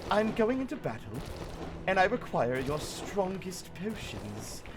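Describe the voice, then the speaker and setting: A man's voice: high-pitched, very animated, a little slow, noisy background, pitched above the performer's own voice, exaggerated voice. A man voicing a pompous, demanding knight who declaims proudly. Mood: haughty, demanding. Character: pompous, demanding male knight buying potions.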